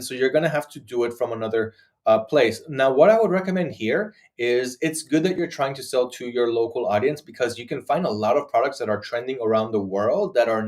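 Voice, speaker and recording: A man in his thirties hosting a casual live stream, answering viewer questions with many fillers and restarts. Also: medium pitch. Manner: chatty, frequent "uh" fillers and restarts. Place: small dark room, indoors.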